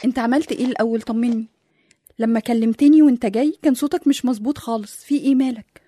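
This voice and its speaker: A shaken wife from an Egyptian audio drama, acted by a woman speaks softly and uneasily. Her voice is mellow and husky, and she talks quickly. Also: on the high side, no echo, close to an everyday voice. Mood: uneasy. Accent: Egyptian Arabic. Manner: uneasy, soft-spoken. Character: shaken wife who saw a creature.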